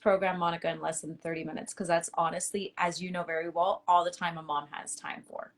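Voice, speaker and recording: A woman's voice: fairly low pitch, little pitch movement, brisk. Talkative woman host in her forties. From Miami, United States. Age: 40s. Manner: warm, talkative, leading questions. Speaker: podcast host. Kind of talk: casual interview.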